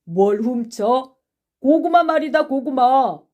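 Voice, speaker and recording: A woman voicing a brash schoolboy ringleader who hurls loud, taunting accusations in an audiobook reading. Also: medium pitch, unhurried, lightly acted. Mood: accusing.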